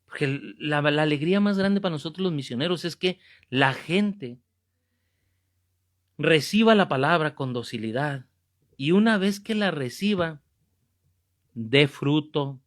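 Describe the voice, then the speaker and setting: A man's voice: on the high side, expressive, unhurried, long pauses. Fervent preacher man in his fifties. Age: 50s. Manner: fervent, emphatic, repeats key phrases. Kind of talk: Bible class preaching.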